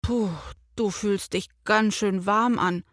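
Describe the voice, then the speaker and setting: A woman voicing a calm, gentle fox father who speaks softly in a children's story. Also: mid-range voice, slow pace, no room sound, clean studio sound, natural voice. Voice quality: soft and quiet.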